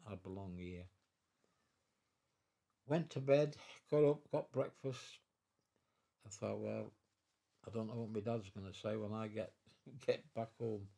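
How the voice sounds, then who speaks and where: A man in his nineties from England recounts his past in a low, mellow voice. He speaks haltingly, restarting and repeating words, and his voice carries emotion throughout. The interview was recorded in his own home. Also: steady tone, creaky. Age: 90s. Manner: emotional, tearful at times. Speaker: war veteran interviewee. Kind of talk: personal storytelling interview.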